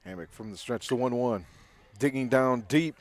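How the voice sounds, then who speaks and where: A man's voice: medium pitch, moderate pace. A man doing live baseball play-by-play, with a home run call style that stretches out on big hits.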